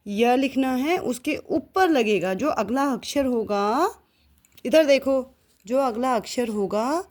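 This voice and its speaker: A woman teaching a child to read, strict and patient, saying each word slowly and clearly for the child to repeat. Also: on the high side, darkish tone. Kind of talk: patient one-on-one reading lesson.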